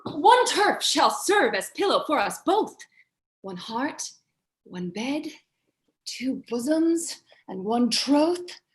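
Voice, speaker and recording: A woman's voice: high-pitched, very animated, unhurried, few pauses, echoey room. A woman reading the part of Lysander, an ardent young man, with earnest verse recitation. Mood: tender. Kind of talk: amateur Shakespeare reading.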